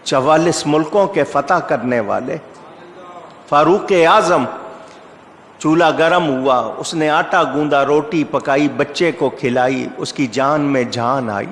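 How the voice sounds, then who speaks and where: A man's voice: on the high side, fairly bright tone. A male Islamic preacher giving a sermon, telling stories with emphatic rises and asking the audience rhetorical questions. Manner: storytelling with rising emphatic outbursts. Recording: echoey hall reverb.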